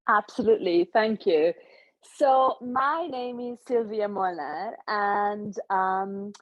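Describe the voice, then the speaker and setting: A woman in her thirties, from Hungary, telling her story as a guest in a conversational interview, thoughtful and pausing with soft laughs. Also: mid-range voice, no echo, highs cut off. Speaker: guest, nutritional therapist.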